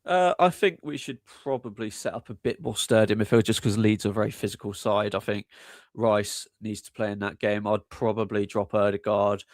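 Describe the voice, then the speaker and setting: Low-ish guy breaking down football tactics, dry close sound. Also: normal speed, dry recording. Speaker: podcast panelist. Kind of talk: casual football podcast chat.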